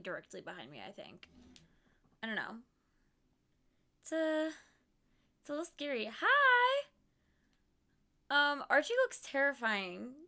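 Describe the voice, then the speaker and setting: Slow, giggly young woman streamer. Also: fairly high pitch, gravelly, fairly bright tone. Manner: slow, chatty, giggly, rambling with many fillers. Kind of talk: casual stream chat.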